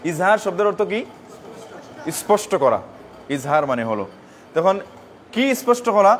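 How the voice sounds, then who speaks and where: A man's voice: high voice, sing-song, a little hiss or hum. A man teaching a Quran recitation lesson, repeating points, asking questions and answering them himself. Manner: repeats and quizzes, answers his own questions; chants letters slowly in a sing-song. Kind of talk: tajweed lesson.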